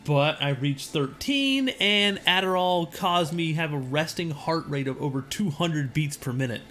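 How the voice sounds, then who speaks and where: A man's voice: a little high, expressive, unhurried, fairly bright tone, faint music behind. A man streaming a game and chatting casually, rambling with frequent restarts. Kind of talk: casual chat while gaming.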